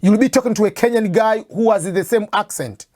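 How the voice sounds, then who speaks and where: A native Swahili speaker from East Africa, with an East African accent, gives an informal English test-prep lecture, repeatedly restating her points with examples. Her medium-pitched, darkish voice runs a little fast, recorded in clean studio sound with no room sound.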